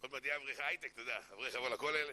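A man giving a sermon that mixes jokes with Torah teaching, telling stories in an animated way and acting out the characters. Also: mid-range voice. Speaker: preacher.

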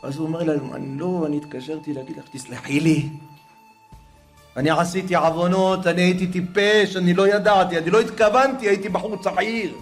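A man telling a religious story as a preacher, dramatically swinging from hushed murmurs to raised, emotional exclamations. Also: high voice, steady tone, faint music behind.

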